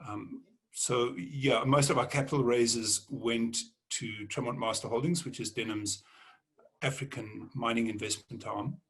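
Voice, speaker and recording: A man answering on a panel, halting and often repeating words as he thinks. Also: mid-range voice, fairly even intonation, husky. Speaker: panelist, mining executive.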